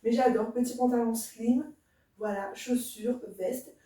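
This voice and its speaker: Young woman, beauty vlogger, chatty and soft-spoken, mellow voice, very echoey room, distant from the mic. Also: a little high, fairly even intonation, measured pace. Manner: chatty, enthusiastic, addresses viewers directly. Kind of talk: casual get-ready-with-me vlog. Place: indoor room. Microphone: camera standing at a distance.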